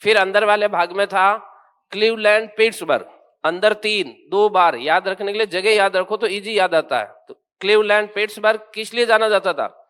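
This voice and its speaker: A man teaching a classroom with a fairly high voice. He questions his students briskly, corrects them with firmness and then lays out the main points one by one. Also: fairly bright tone, clear, resonant tone. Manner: quizzes students, then explains firmly. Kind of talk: classroom geography lesson.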